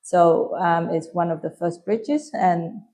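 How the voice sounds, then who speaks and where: A woman in her thirties with a Vietnamese accent, answering interview questions in English softly and with frequent hesitations. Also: lowish voice, takes it slowly. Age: 30s. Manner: soft-spoken, hesitant with frequent ums. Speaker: guest.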